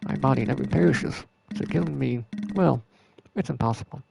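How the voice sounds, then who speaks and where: A man putting on an old man's voice for a kindly immortal character in a video game, gentle and relaxed. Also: mid-range voice, brisk, gravelly, heavy background noise. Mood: easygoing. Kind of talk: reading game dialogue aloud.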